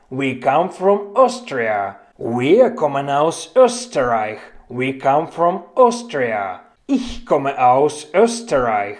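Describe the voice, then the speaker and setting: A woman teaching a language lesson, saying each phrase slowly and deliberately and repeating it. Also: low-pitched, darkish tone. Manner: slow, deliberate repetition of phrases. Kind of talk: scripted language lesson drill.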